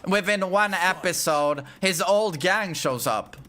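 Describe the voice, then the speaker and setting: A man's voice: high voice, takes it slowly, background noise. A man streaming a game and giving profane, sarcastic running commentary. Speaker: gaming streamer. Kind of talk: casual gaming commentary. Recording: game music playing behind. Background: game music.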